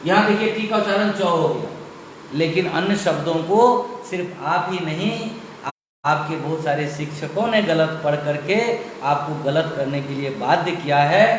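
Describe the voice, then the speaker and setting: Male teacher, higher voice, slow deliberate delivery, recorded far from the mic with heavy echo. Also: a little hiss or hum. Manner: slow, emphatic, repeats each rule. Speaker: English teacher. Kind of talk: classroom-style pronunciation lesson. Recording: far from the mic in a very echoey room, faint ambience.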